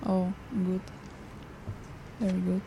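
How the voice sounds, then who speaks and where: A woman with a Bulgarian accent speaking simple, halting learner's English in a practice dialogue. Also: on the low side, completely flat delivery, creaky, dark tone, a little hiss or hum. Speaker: English course student. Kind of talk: practice dialogue in a language class.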